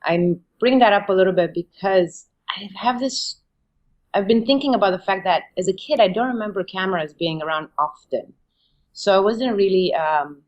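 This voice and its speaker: A woman in her forties, originally from Romania, speaking as a guest in a podcast interview, relaxed and laughing often between her thoughts. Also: lowish voice. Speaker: guest photographer.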